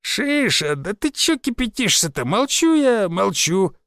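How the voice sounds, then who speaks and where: A man's voice: sits high, sing-song, unhurried, fairly bright tone, dry recording, clean studio sound, pitched above the performer's own voice, heavily acted. A man voicing a teasing, cackling old man drinking at a tavern bar. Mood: placating.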